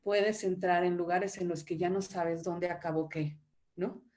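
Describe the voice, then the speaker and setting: A woman, an acting teacher giving an animated panel talk with demonstrations and laughing asides over a video call. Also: lowish voice, unhurried. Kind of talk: panel presentation.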